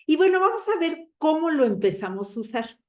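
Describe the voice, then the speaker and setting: A woman giving a conference talk as a university teacher, lively, with many fillers and self-corrections. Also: high voice, a little fast.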